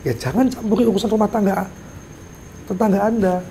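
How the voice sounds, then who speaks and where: A man's voice: sits high, a little fast, slight background noise. A man giving a motivational business lecture, asking his audience rhetorical questions. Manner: acts out little dialogues in a softer voice. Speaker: business mentor.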